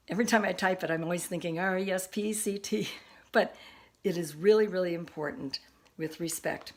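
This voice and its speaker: An older woman giving an earnest, homey talk, working through her points one by one. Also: low-pitched. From United States. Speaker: course instructor. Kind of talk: informal lecture.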